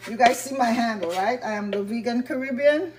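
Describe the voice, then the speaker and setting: Hosting a vegan cooking channel, a woman chats her way through a recipe in her home kitchen, explaining each step as she cooks. Her voice is fairly high, fairly quick and slightly raspy from talking a lot, while frying food sizzles loudly and the recording is very noisy.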